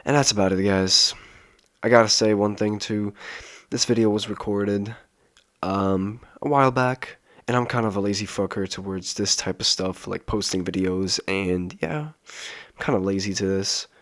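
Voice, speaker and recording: A sick young man telling a casual story in a flat monotone voice, full of ums and restarts. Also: fairly low pitch, normal speed, no room sound, clean studio sound. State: sick, coughing. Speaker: vlogger.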